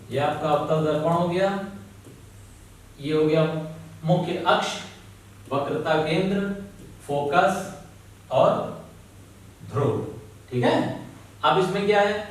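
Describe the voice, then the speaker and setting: Slow, echoey teacher from afar. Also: male voice, high-pitched. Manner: slow, repeats key words, keeps asking "ठीक है ना?"; calls students "बेटा". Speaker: physics teacher. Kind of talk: classroom lesson. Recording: very echoey room, voice from far off.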